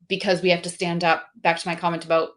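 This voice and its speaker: A woman's voice: lowish voice, fast. Chatty woman guest, lots of fillers. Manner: animated, filler-heavy, restarts sentences. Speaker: guest, company representative. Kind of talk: casual conversational interview.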